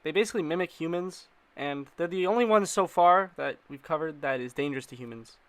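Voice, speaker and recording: This explainer video is narrated by a man whose voice is slightly high and a bit bright, moving fairly quickly. His commentary is casual and conversational, peppered with slang and playful asides.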